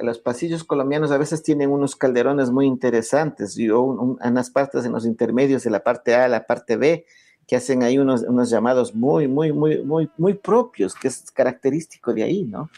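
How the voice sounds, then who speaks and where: A man from Ecuador, guesting on an interview, explains the history of music in a lecturing style. His mid-range voice has a dark tone, and his talk is full of restarts and "¿ya?" checks.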